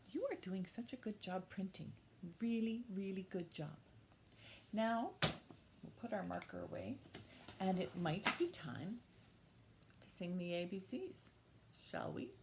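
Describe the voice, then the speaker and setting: A gravelly, darkish mid-range voice belongs to a woman running a children's storytime as a librarian. She reads and teaches with simple, repeated words of encouragement for young listeners, over a faint hiss or hum.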